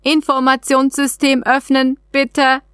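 A prim robotic alien trading capsule, put on by a woman storyteller, reciting its notices in clipped, formal phrases. The voice sits fairly high and sounds dry and close. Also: monotone, slow, a bit bright, dry recording. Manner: clipped, formal machine announcements.

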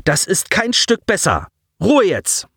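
A man doing a gruff, barking crew officer. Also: high-pitched, expressive, normal speed, a bit bright, no room sound, studio quality, pitched above the performer's own voice. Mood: scolding. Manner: barking orders, scolding. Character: stern adult male crew officer, gruff. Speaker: ensign.

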